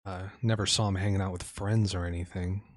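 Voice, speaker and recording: A man voicing a shaken, halting townsperson. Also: sits low, steady tone, no echo, clean studio sound, close to an everyday voice. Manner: hesitant, halting speech with restarts. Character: shaken, reluctant local who found a body.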